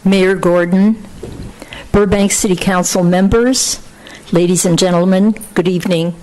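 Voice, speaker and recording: An older woman reading a prepared statement aloud at a city council meeting, formal and measured. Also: lowish voice, steady tone, a little mellow, rough recording. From France. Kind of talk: prepared speech read aloud. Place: council chamber, indoors. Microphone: podium microphone.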